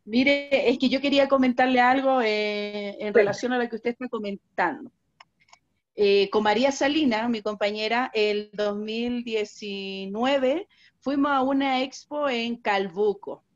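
A woman with a Chilean accent, a participant in an online training, tells an animated story and often quotes voices. Her voice sits a little high. The audio sounds dull and lo-fi, like an online call. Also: measured pace. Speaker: workshop participant.

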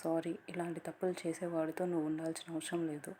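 A woman reading as a tender young male lover, low and even. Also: quick pace, a little hiss or hum, close to an everyday voice. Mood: pleading. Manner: pleading, apologetic. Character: young man, a hot-tempered but tender lover.

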